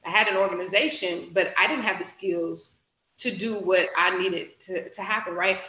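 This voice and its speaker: A woman telling a personal story as an interview guest, animated, acting out her own reactions and laughing often. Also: normal speed, roomy sound, low-quality recording. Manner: animated, acts out her own reactions with big pitch jumps; laughs often while talking. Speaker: guest, youth literacy director.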